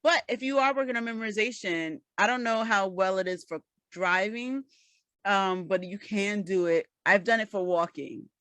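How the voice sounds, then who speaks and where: A woman's voice: mid-range voice, normal speed, a bit bright, no echo. A woman co-hosting a casual podcast chat, patiently explaining and giving advice. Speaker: podcast co-host.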